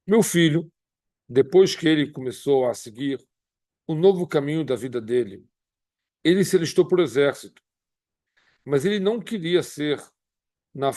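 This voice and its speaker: Fifties rabbi, Carioca accent, measured and earnest testimony, dry close sound. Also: male voice, mid-range voice, darkish tone, dry recording. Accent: Carioca Brazilian Portuguese. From Brazil. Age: 50s. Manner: measured, earnest, pauses often between phrases. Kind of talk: personal testimony.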